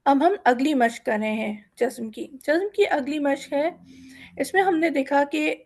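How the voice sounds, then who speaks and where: A woman teaching a Quran reading lesson, explaining rules step by step and slowly drawing out example words for students to repeat. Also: high voice, gravelly, darkish tone. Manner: mixes English words into her speech.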